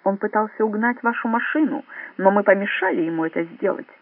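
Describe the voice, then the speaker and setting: A man's voice: high voice, big pitch swings, normal speed, husky, exaggerated voice. A man voicing a blustering, pompous Soviet spy chief. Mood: indignant. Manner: blustering, shouting, self-righteous. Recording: dry, phone-like narrow sound.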